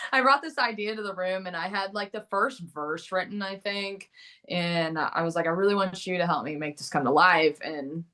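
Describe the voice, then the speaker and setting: An American woman speaks in a slightly low register. She chats casually as an interview guest, a country singer-songwriter with a sassy, giggly manner. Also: normal speed, pushed and bright.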